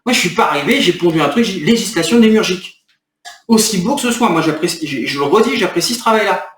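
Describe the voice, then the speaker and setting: A man's high, fairly bright voice comes through animated and quick as he complains to the camera and describes his upcoming video in a rambling, irritated way. The distant mic in an echoey room adds a little hiss or hum to this agitated vlog.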